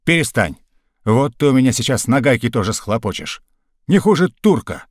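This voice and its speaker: A man voicing a stern young cavalry lieutenant who barks sharp commands. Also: medium pitch, big pitch swings, normal speed, no room sound, studio quality. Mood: angry.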